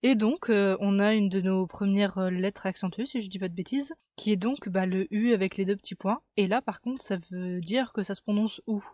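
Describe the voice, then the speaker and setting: A woman's voice: mid-range voice, normal speed, hardly any pauses, a little mellow, no room sound. Chatty woman explaining, dry close sound. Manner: chatty, filler-heavy, thinking aloud. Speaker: language creator explaining her invented language. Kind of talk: casual explanatory video lesson.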